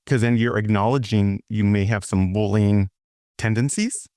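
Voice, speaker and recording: A man's voice: lowish voice, fairly even intonation, normal speed, dark tone, smooth, no echo, studio quality. A man co-hosting a podcast, raising a thoughtful follow-up question from a learner's point of view. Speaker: podcast co-host. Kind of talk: podcast conversation, asking a question.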